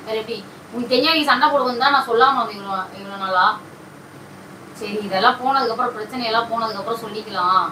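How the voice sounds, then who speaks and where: A woman's voice: a little high, bright, forceful tone. A woman pulling a prank at home, teasing and coaxing in a casual, playfully defensive way. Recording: roomy and distant with faint noise.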